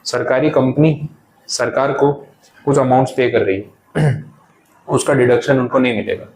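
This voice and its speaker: Male lecturer, mid pitch, patient classroom explaining, faint hiss. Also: fairly even intonation, moderate pace, a little mellow, rough recording. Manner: explains step by step in mixed Hindi and English. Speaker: tax lecturer.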